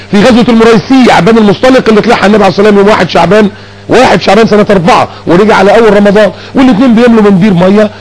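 A man's voice: sits high, low-quality recording. A man preaching a colloquial sermon in an Egyptian accent, dramatically acting out dialogues in shifting voices. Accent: Egyptian Arabic.

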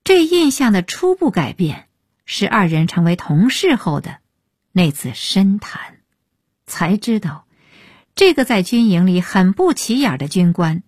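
A woman narrating a story in a slow, measured and expressive reading style. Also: fairly low pitch, slightly rough, no room sound, studio quality. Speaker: audiobook narrator.

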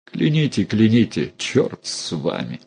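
A man's voice: on the low side, huge pitch swings, measured pace, vocal fry, darkish tone, breathy edge, full character voice. A man voicing a hard, spiteful young woman who answers defiantly in an audiobook. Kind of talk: audiobook character voice.

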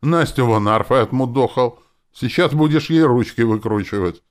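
A man voicing a cheeky, indignant male spirit sidekick who squabbles in raised, shrill retorts. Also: moderate pace, lightly acted.

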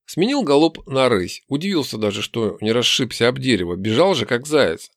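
A man narrating a first-person fantasy audiobook with wry, lively storytelling. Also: mid-range voice, normal speed, no room sound, clean studio sound.

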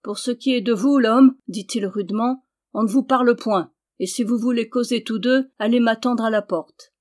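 A woman's voice: medium pitch, moderate pace, a little mellow, natural voice. A woman voicing a timid young male peasant suitor in an audiobook, speaking humbly and stammering. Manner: humble, stammering country speech. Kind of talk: audiobook character reading.

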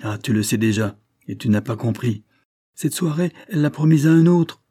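A man reading the lines of a cynical older gentleman with a gray mustache in a cool, cutting, worldly-wise manner. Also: mid-range voice, lively intonation, moderate pace, no room sound, clean studio sound, pitched above the performer's own voice, natural voice. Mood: challenging. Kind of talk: audiobook character reading.

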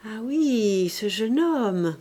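Woman doing a genteel lady, murmured, slow, confiding, storybook. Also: on the high side, lively intonation, warm tone, full character voice.

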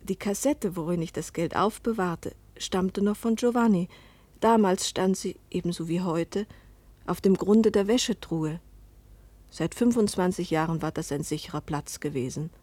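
Camilla's kind of voice is that of a middle-aged mother played by a woman in a radio drama. It is rather low and husky, close and dry, often sinking toward a breathy hush. She speaks with restraint, wistful and intimate. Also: moderate pace, no room sound, lightly acted. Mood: wistful, subdued. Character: weary, hopeful Italian mother narrating her life's disappointments. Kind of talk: radio drama first-person narration and dialogue.

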